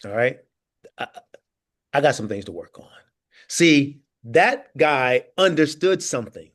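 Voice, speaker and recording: A man's voice: medium pitch, sing-song, measured pace, a bit bright. A man leading an interactive online training session on a video call. He tells stories with frequent laughs and questions to his audience. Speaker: workforce trainer.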